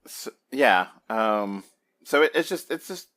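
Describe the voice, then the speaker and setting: A man's voice: on the low side, expressive, unhurried, a bit bright. A man co-hosting a movie review podcast, talking casually with exasperated asides. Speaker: podcast co-host.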